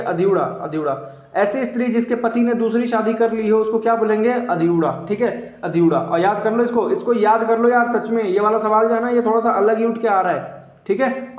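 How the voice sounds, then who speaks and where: A young man with a Purvanchal accent teaches an exam-prep class in a high voice, cracking jokes and repeating each answer so students remember it. The sound is roomy and echoey. The recording is dull and lo-fi. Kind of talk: online Hindi exam class.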